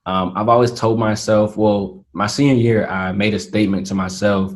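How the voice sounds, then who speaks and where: An earnest eighteen-year-old entrepreneur from Atlanta, Georgia, USA, speaks as a guest in a casual interview, measured and using frequent fillers. His voice is lowish and steady.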